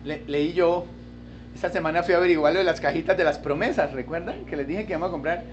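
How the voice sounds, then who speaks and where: A male pastor preaching a sermon to his congregation, swinging between quiet asides and loud, emphatic pleas full of rhetorical questions. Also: fairly high pitch, fast, highs cut off, slight background noise. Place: church service with a congregation.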